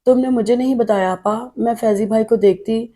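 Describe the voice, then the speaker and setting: A woman voicing an impulsive, excitable younger sister in an audiobook. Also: on the high side, natural voice. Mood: excited.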